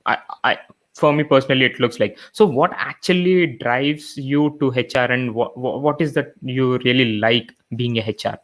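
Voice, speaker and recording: Man, middle pitch, non-native English speaker, casual interviewer. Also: normal speed, fairly bright tone. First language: not a native English speaker.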